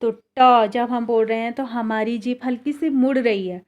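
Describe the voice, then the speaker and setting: A woman's voice: fairly high pitch, steady tone, normal speed, darkish tone, muffled recording. A woman teacher giving a patient lesson on how speech sounds are made, having children repeat after her. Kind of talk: classroom lesson on pronunciation.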